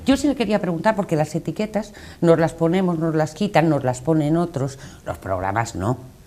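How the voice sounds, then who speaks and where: A woman's voice: low voice, animated, a little fast, warm tone. A woman with an Andalusian accent questioning guests as interviewer in a political interview. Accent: Andalusian Spanish.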